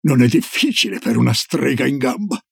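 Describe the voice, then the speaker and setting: Old Norwegian grandmother, read by a man: low, slow, ominous storyteller, gravelly and dry. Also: expressive, no room sound. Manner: slow, low, solemn warnings.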